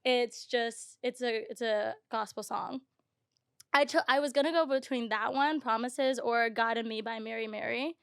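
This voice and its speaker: A woman in her twenties, a podcast guest talking casually, full of "um" and "like" and quick laughs. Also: fairly high pitch, fairly even intonation, vocal fry, fairly bright tone, clean tone, no echo, clean studio sound. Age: 20s. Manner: chatty, laughs often, says "um" and "like". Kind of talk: casual chat.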